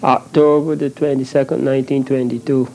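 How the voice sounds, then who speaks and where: A man's voice: mid-range voice, level tone, fairly quick, gravelly, dark tone, rough recording. A Barbadian man, a former sleeping car porter, giving brief factual answers in an archival interview. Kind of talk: archival oral history interview.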